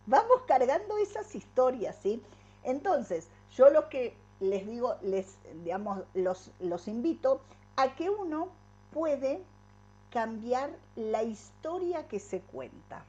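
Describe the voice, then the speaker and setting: Middle-aged woman, higher-pitched motivational speaker who leans on rhetorical tag questions, heard through muffled video-call audio. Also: big pitch swings, takes it slowly, dark tone. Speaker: workshop speaker. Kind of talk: inspirational talk.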